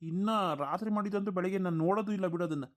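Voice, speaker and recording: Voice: mid-range voice, rapid-fire, darkish tone, close to an everyday voice. A performer doing a whiny, lazy grown son. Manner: whiny, complaining. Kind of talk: cartoon voice acting.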